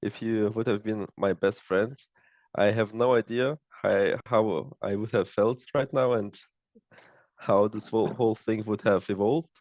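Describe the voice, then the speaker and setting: A Lithuanian man in his early twenties, a startup co-founder guesting on a podcast, answers interview questions in Lithuanian-accented English, hesitating as he searches for words. His fairly low voice has fairly even intonation and a slightly slow pace, captured in lo-fi sound with no echo.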